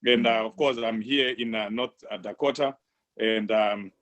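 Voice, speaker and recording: Measured man. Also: on the low side, steady tone, a bit bright. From Zimbabwe. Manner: measured, halting, many pauses. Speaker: guest, human rights activist. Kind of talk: interview answers.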